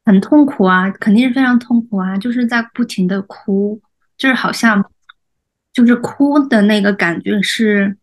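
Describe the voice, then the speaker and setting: A woman co-hosting a podcast who recounts a memory emotionally, halting and searching for words. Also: medium pitch. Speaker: podcast co-host. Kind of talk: podcast conversation.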